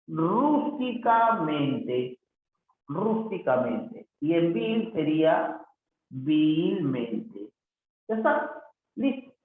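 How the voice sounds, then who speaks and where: Echoey lo-fi man teaching grammar slowly. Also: on the high side. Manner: drawn-out syllables, self-talk with many "ya está" and "ahí está". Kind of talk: worksheet walkthrough lesson. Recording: phone-like, very echoey room with faint noise.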